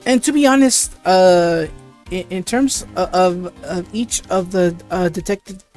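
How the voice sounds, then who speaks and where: A woman's voice: lowish voice, a little slow, darkish tone, soft background music. A woman hosting a let's play, giving stammering, hesitant gaming commentary.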